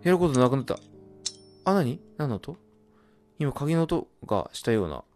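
Guy playing a horror game, pitch swings wild, mumbles then yelps, faint game music behind. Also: big pitch swings, moderate pace. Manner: jumpy, bursts into loud startled yelps; mutters and reads game text aloud. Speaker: let's play gamer.

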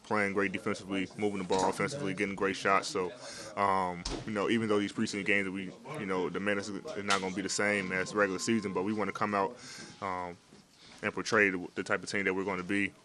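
A young man speaks in a deep voice that hardly rises or falls, answering questions after a game. He talks in a laid-back way, with many fillers and restarts. He is recorded in a locker room with several handheld reporter mics held up to him. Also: little pitch movement, fast talker, a crowd in the background. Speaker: basketball player at postgame interview. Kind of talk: postgame press interview.

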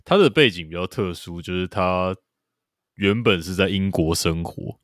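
A podcast co-host with a low-pitched voice and normal speaking speed chats loosely about a TV series, rambling with lots of fillers and repeated agreement. The clean studio sound has no echo.

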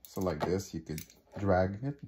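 Over a noisy background, this low-voiced man talks unhurriedly with lively intonation. A native French speaker from Quebec with a Québécois accent, he's a hobbyist vlogger filming an unboxing on his phone above a living-room table, rambling casually with plenty of fillers and restarts.

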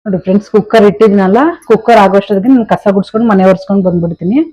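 Young woman, home vlogger; chatty and direct, mid-pitched everyday voice. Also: steady tone, very fast, dark tone, rough recording. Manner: chatty, talks straight to viewers. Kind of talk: casual home vlog narration. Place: home kitchen.

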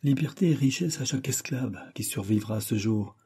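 A man's voice: medium pitch, brisk, warm tone, slightly rough. A man voicing a stern, scheming villain who gives firm commands in an audiobook. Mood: commanding.

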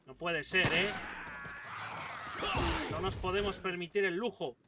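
A man's voice: high-pitched, a little slow. A young man with a Spain Spanish accent doing let's play commentary, swearing and bursting out as he plays. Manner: swearing, excitable outbursts. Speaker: gaming YouTuber. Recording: distant mic with loud game noise.

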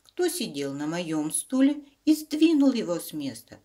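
Woman playing female bear, cross mother, moderate growl, low pitch, fairy-tale storybook character. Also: sing-song, unhurried, dark tone. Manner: growling, less fierce.

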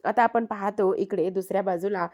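A woman's voice: medium pitch, steady tone, fairly quick, darkish tone. Woman narrating a TV episode recap. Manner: retells scenes step by step, reading characters' lines aloud.

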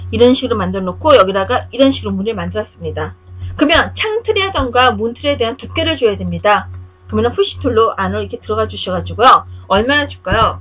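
A woman narrates a software tutorial in a husky, slightly high voice that rises and falls a lot. She explains each step and keeps checking in with rhetorical questions. The recording sounds thin and tinny. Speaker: software instructor.

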